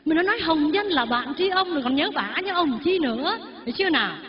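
A woman's voice: high voice, lively intonation, fast. An older woman, a Buddhist nun giving a Dharma talk and leading her congregation in recitation. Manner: leads the congregation in call-and-response recitation. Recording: echoey hall, dull lo-fi sound, faint music.

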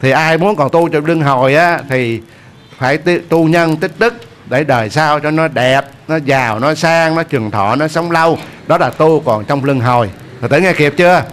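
A man preaches a Buddhist sermon in a fairly high voice, keeping it lively and checking often that his listeners follow. A faint hiss of noise sits behind him. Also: moderate pace. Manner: lively, asks the audience questions often. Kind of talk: dharma sermon.

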